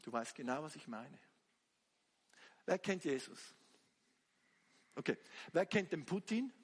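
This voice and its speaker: A man's voice: on the high side, sing-song, measured pace, husky. A man preaching a sermon with fervor, firing rhetorical questions at the congregation. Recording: long hall reverb.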